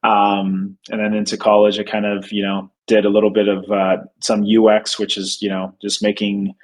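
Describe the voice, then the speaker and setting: A man's voice: lowish voice, completely flat delivery, normal speed, rough recording. A man in his twenties from Venezuela, a podcast guest who talks casually and hesitantly, with many fillers. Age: 20s. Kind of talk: casual interview.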